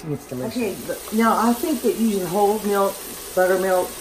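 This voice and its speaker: This woman speaks briskly at medium pitch, with a Southern accent, rambling and teasing herself as she cooks. She's a home cooking vlogger doing a casual demonstration in her kitchen, filmed from an overhead camera above the stove. A loud fan fills the room with noise.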